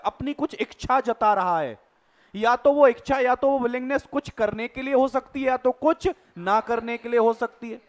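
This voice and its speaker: A man teaching an exam revision lecture, reading definitions out slowly and then explaining quickly, asking the class rhetorical questions. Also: very high voice.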